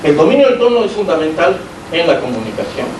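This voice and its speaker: Man, Peruvian Spanish accent, university lecturer, explanatory, asks rhetorical questions, raised pitch, distant mic. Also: big pitch swings, fast talker. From Peru. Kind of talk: academic lecture. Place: lecture hall. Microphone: amplified by a sound system, recorded from the room. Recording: echoey hall, distant mic, faint hiss.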